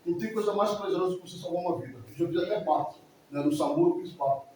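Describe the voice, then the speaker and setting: A man in his forties delivers an emotional, rambling church testimony in a high, mellow voice at a quick pace, often repeating himself. The recording comes from far off in an echoey church hall, with faint noise.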